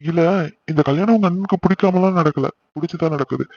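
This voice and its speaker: A man's voice: fairly high pitch, fast talker, darkish tone, no room sound, lo-fi sound. A man voicing a teasing young married man who runs an office, bantering and scolding in jest. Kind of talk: cartoon voice acting.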